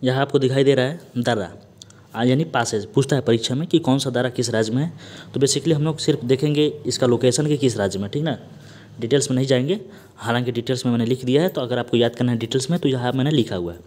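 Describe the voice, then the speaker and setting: A man's voice: mid-range voice, fast, darkish tone. A man teaching an online exam-prep class in a chatty way, checking in with his students over and over and calling them by a pet name. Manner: chatty, keeps asking "ठीक ना?" and calls students "Babu".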